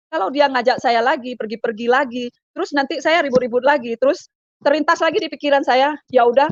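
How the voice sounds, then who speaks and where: A woman from Palembang, Indonesia, giving an emotional personal testimony, talking in a halting, repetitive way with frequent fillers. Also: sits high, no echo. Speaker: guest giving a conversion testimony. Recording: dull, slightly lo-fi dry sound.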